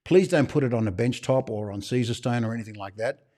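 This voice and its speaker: An Australian shop owner hosts a loose, casual livestream Q&A for his shop. His voice sits at an ordinary middle pitch and sounds mellow, and he talks quickly, chatting and wandering from point to point with conspiratorial little joking asides.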